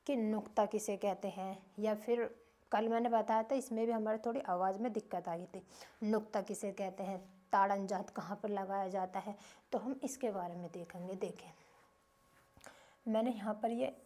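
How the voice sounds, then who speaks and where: A woman teaching young children a grammar lesson in a steady, middle-pitched voice. She fires off short questions and answers them herself in a patient, repeating rhythm. The pace is that of a classroom drill at a whiteboard.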